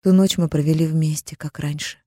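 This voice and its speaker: A woman narrating a first-person story as an audiobook, in a calm, even storytelling manner. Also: low voice, fairly quick, no room sound, studio quality.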